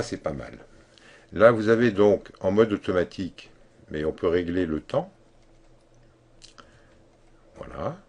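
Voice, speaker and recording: In a screen-recorded software tutorial, a male instructor explains the steps haltingly, with many fillers and restarts. His voice is low and slightly rough.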